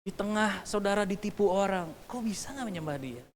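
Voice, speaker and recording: High-voiced man preaching in a reverberant hall. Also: slight background noise. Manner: animated, acts out hurried family scenes; calls the congregation to repeat words. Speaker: pastor. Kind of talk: sermon. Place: church hall. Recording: long church reverb.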